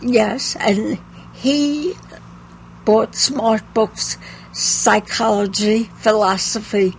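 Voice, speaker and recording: Slow-talking older woman telling bookshop tales. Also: medium pitch, steady tone, vocal fry, slight background noise, low-quality recording. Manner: chatty, anecdotal, laughs at her own stories. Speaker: bookshop owner. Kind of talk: casual interview storytelling.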